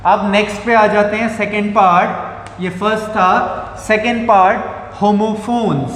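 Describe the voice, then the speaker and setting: A man's voice: sits high, fairly bright tone. A male school English teacher, giving a grammar lesson and spelling words out letter by letter. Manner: slow, repeats and spells out words. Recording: roomy echo with long reverb.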